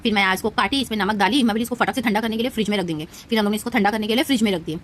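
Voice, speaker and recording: A woman's voice: mid-range voice, racing, a little hiss or hum. A young woman from narrating her market trip in a playful, rambling vlog voice-over. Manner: playful, rambling, self-teasing. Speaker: vlogger.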